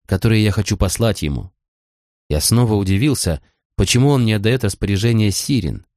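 A man reading a first-person novel aloud as an audiobook narrator, in a measured, even storytelling manner. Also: sits low, dry recording, clean studio sound.

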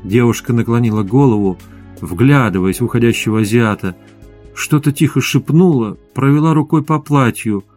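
A man reading a fantasy story aloud as audiobook narrator, in steady, even storytelling. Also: medium pitch, moderate pace, faint music behind. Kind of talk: scripted narration.

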